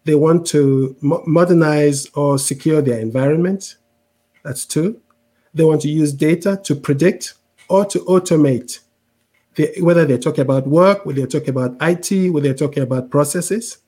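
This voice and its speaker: A man's voice: on the high side, moderate pace, mellow. A middle-aged man from Cameroon with a mixed international accent, explaining things in a conversational interview with frequent repeated words and "right?" tags. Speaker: interview guest, tech executive.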